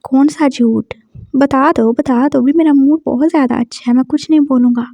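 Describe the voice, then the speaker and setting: A woman's voice: high voice, steady tone, normal speed, no room sound. A woman voicing a teasing, protective young man who comforts his fiancé. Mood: curious. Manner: teasing, then gently soothing.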